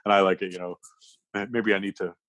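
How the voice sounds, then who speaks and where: A man from Canada, a comedian guest, telling a story in an animated, casual way. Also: low voice, fast talker, dry recording. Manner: animated, laughs through his own story.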